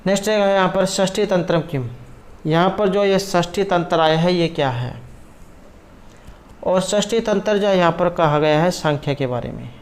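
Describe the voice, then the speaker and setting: A man's voice: high-pitched, moderate pace. A man tutoring for a Sanskrit exam, explaining each question and its answer option in a methodical way.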